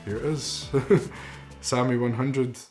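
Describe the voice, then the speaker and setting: He speaks slowly, his mid-range voice keeping a level tone throughout. The narrator is a young filmmaker in his twenties who grew up in Mexico, recounting his grandfather's story for a documentary with earnest reflection and some fillers. Music plays beneath the roomy-sounding recording.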